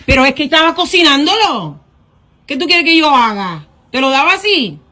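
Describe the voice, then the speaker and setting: Woman, high voice, very lively intonation, bilingual casual pet talk, playful scolding. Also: quick pace. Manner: playful scolding, switches between Spanish and English.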